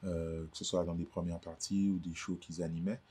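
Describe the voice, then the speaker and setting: A man with a deep voice hosts a conversational interview. He asks measured, probing questions and fills his guest's pauses with short acknowledgments. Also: flat delivery, mellow, slightly rough. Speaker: interview host. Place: indoor cultural space in a bookstore.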